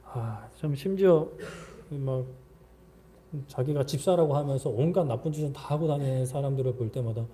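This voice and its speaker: Male pastor, warm low-toned voice, conversational preaching, dramatizes prayers. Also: normal speed, a little hiss or hum. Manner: frequent fillers and restarts, occasional chuckles. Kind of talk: sermon.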